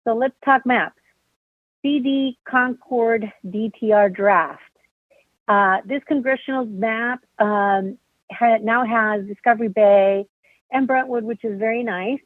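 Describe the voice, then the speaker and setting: A woman's voice: on the high side, slow pace, no echo. A woman from California calling in during public comment, wry and playful. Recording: tinny dry phone line.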